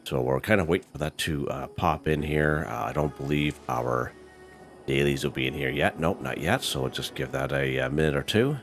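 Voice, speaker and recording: A man with an extremely deep voice gives relaxed, chatty gameplay commentary. He sounds stuffy from a head cold, and faint music sits under his talk. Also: normal speed. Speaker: gaming channel host.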